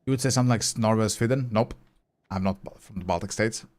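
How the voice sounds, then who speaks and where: A man's voice: lowish voice, fast talker, a little mellow. A man streaming a game live, thinking aloud as he plays and chatting casually with viewers, sometimes swearing. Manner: chatty, answers viewer chat while playing. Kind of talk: casual live gameplay commentary.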